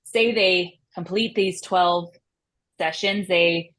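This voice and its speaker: A woman's voice: on the low side, fairly even intonation, slow, a bit bright. A woman moderating a webinar, summarizing the steps in an orderly way and asking follow-up questions. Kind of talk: interview questions.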